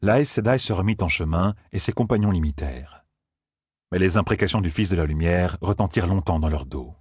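A man narrating an audiobook in a measured storytelling manner, close to the mic. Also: deep voice, lively intonation, darkish tone, husky, no room sound. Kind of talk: scripted narration.

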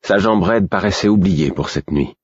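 A man reading a novel aloud in steady first-person narration. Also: deep voice, moderate pace, breathy edge, no echo, muffled recording. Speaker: audiobook narrator.

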